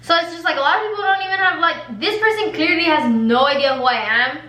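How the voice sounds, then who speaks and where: A teenage girl talks casually to her camera in a high, bright voice, slangy and full of "like". The room around her sounds roomy and echoey, with a faint hum behind. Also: fast talker. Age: teens. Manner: chatty, slangy, heavy use of "like". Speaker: vlogger. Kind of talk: casual mukbang chat to camera. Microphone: camera mic.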